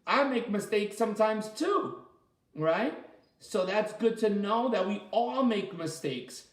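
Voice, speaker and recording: With lively intonation and a high pitch, a male coach runs an interactive children's martial arts story time in a room that echoes. He's chatty, encouraging and full of praise, going over ideas slowly and simply, repeating them.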